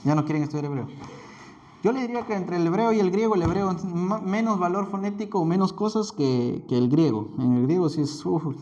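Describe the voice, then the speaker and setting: A man with a Peruvian Spanish accent is lecturing a classroom, his voice sitting slightly high. He speaks loosely, repeating points and correcting himself with fillers as he goes. The recording is muffled and lo-fi. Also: fairly quick, mellow. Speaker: Bible institute teacher.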